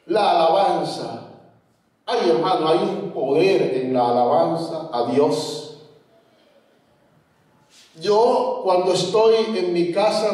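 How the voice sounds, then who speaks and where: A man preaching a sermon as pastor, telling stories and speaking straight to his congregation. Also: sits high. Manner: storytelling, addressing the congregation directly. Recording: very echoey, from far off the mic.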